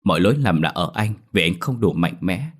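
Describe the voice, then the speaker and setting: A man voicing a remorseful young man who pleads softly. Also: low-pitched, animated, brisk. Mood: pleading.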